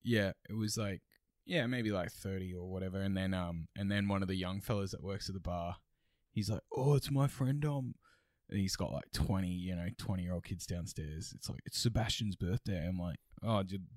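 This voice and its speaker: A man with an Australian accent and a lowish voice, recorded close and dry. He chats casually as a comedy podcast co-host, loose and sweary, with laughs scattered through his talk. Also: normal speed, a little mellow, dry recording. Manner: laid-back, sweary, laughs often.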